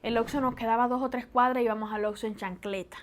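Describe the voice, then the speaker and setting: Woman, Cuban accent, high-pitched, lively casual vlog talk, laughs often. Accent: Cuban Spanish. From Cuba. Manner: animated, laughs often, acts out loud fast speech. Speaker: vlogger.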